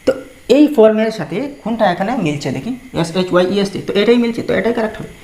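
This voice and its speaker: A woman's voice: mid-range voice, expressive, racing, mellow. A woman tutor teaching an exam-prep grammar lesson, explaining step by step and spelling words out letter by letter. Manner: mixes Bengali explanation with English examples. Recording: echoey room.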